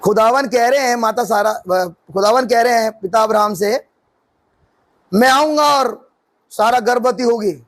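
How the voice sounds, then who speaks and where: A man's voice: extremely high pitch, measured pace, fairly bright tone. A man as pastor, preaching a sermon with emphatic rising questions to the congregation.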